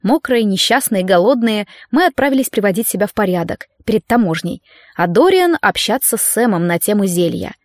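A woman reading a first-person fantasy audiobook aloud in a lively, expressive way. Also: medium pitch, a little fast, no room sound, clean studio sound. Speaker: audiobook narrator.

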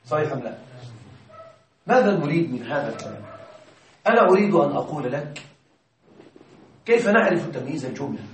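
A man teaching Arabic grammar in a classroom, asking his students questions and repeating example sentences slowly. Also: fairly high pitch, big pitch swings, slight background noise. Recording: echoey classroom from far off.

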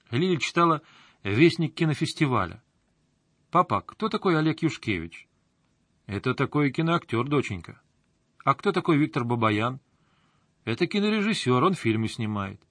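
A man narrating a first-person story in an audiobook, in a steady storytelling manner. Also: medium pitch, dry recording, clean studio sound.

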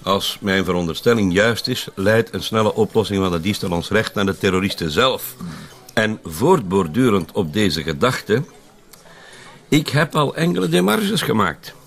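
In a radio drama, a man with a Flemish accent plays a genial senior police colonel who confides in an affable, conspiratorial way and chuckles often. His fairly low voice is creaky, a bit bright and expressive, at a normal speed.

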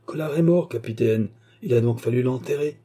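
A man's voice: medium pitch, fairly quick, dark tone, close to an everyday voice. A man voicing a cocky, sly young rascal with an insolent, mocking manner in a storybook reading.

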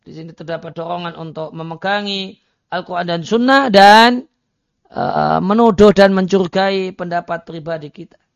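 A man's voice: high voice, normal speed, vocal fry, clean tone, no echo. A man giving a religious study lecture, reading Arabic lines and explaining them, with frequent hesitation fillers. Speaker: Islamic religious teacher. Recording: dry, dull lo-fi recording.

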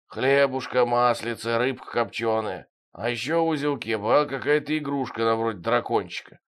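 A man voicing a one-armed old soldier sergeant in an audiobook, eager, loud and rambling. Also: mid-range voice, normal speed, clear, resonant tone, natural voice.

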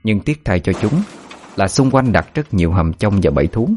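A man narrating a dramatic folk story in a steady, measured way. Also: low voice, a little hiss or hum.

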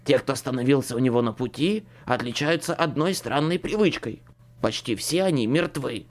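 A man's voice: medium pitch, moderate pace, lightly acted. A man voicing a curt, blunt man who hisses and mutters, in an audiobook. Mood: gruff.

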